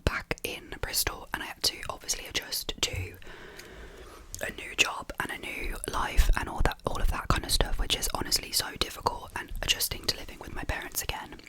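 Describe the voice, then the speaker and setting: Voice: fairly quick, rough recording. A young adult whispering a casual, rambling ASMR chat intimately, close to the mic. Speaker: ASMR video creator.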